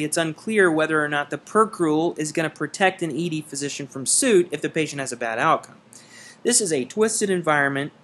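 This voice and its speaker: A man's voice: a little high, fairly bright tone. An American man co-hosting an emergency medicine podcast, talking in a wry, conversational way with folksy turns of phrase. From United States. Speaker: emergency physician podcast co-host. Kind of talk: casual medical discussion.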